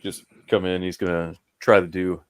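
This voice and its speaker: Deep-voiced hesitant man player. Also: little pitch movement, normal speed. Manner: hesitant, fillers. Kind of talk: casual tabletop game play.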